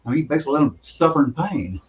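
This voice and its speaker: A man's voice: a little high, animated, very fast, highs cut off. A plainspoken, folksy man on a live-stream voice chat, new to streaming and chatting casually. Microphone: online voice chat.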